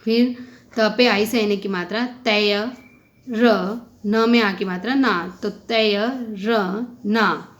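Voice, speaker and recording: A woman's voice: medium pitch, steady tone, takes it slowly. A woman teaching a kindergarten reading lesson, sounding out syllables one at a time and asking questions as she goes. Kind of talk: slow spelled-out phonics lesson.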